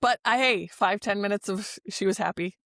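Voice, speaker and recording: A woman's voice: medium pitch, normal speed, a bit bright, no echo. Wisconsin woman, casual co-host, finishes sentences, dry close sound. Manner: talkative, finishes partner's sentences. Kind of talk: casual chat.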